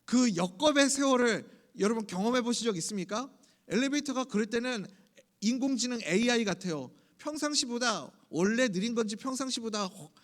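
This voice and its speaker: A man with a high voice leads an early-morning sermon. He talks to his congregation as if chatting, asking them questions and playing out little exchanges of dialogue. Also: a bit bright. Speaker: pastor.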